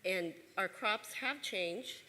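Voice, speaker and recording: A woman speaking for a state agriculture department, giving a prepared conference talk in a steady, earnest way. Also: mid-range voice, slow. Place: conference hall. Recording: reverberant hall sound.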